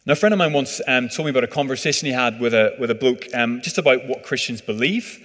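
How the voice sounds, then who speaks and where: A man's voice: mid-range voice, fast, fairly bright tone. A man preaching a sermon in a conversational, hesitant way, full of fillers. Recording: reverberant hall.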